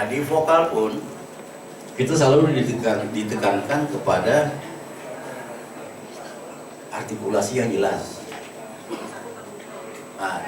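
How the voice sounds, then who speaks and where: A man teaches acting students, explaining and demonstrating words in different tones. His voice rings around a hollow room and sounds some distance from the microphone. Steady noise hums underneath. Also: mid-range voice. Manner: instructive, demonstrates words with varied intonation. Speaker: acting workshop trainer. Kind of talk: lecture to a workshop. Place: large room at a workshop. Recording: echoey room recorded from a distance with background noise.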